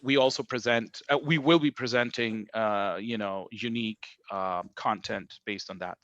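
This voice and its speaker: A man's voice: lowish voice, steady tone, moderate pace, a bit bright, dry recording, dull audio. A man being interviewed as a marketing director, explaining his work thoughtfully with many fillers and restarts. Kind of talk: business interview.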